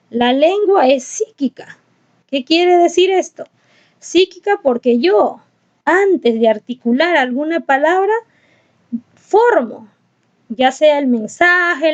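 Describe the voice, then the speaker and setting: High-voiced woman teaching a lesson. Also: a little mellow, lo-fi sound. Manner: explanatory, asks and answers her own questions. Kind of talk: recorded class lesson.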